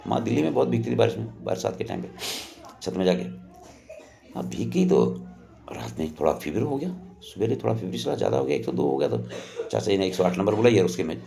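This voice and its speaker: A man's voice: sits low, big pitch swings, quick pace, creaky, warm tone, soft background music. An older man casually telling a personal story in a rambling, conversational way, often acting out what others said. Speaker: storyteller recounting a personal memory.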